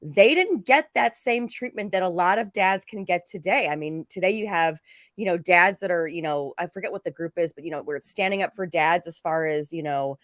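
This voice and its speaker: A woman's voice: on the low side, a little fast, fairly bright tone, no room sound, clean studio sound. A woman chatting casually on a panel in a rambling, conversational way.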